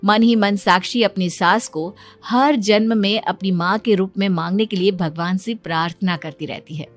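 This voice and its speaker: A woman's voice: medium pitch, normal speed, faint music behind. A woman narrating a scripted moral story.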